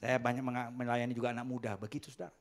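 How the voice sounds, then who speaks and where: A man's voice: medium pitch, very fast. A middle-aged male pastor preaching a sermon in a church hall, telling stories with jokes and acting out the people in them. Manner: animated storytelling with joking asides and acted voices.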